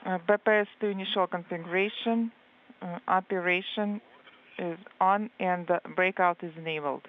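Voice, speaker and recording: A woman giving a live translation voice-over of radio exchanges, speaking in halting pieces with many hesitations. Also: on the low side, steady tone. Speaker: interpreter. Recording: very narrow phone-like line.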